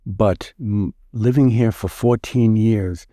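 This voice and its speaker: Middle-aged guy from the us, lowish dark voice, stops and restarts a lot, dry close sound. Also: dry recording. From United States. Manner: halting, with many restarts and repeated words. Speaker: interview guest. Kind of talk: casual interview answers.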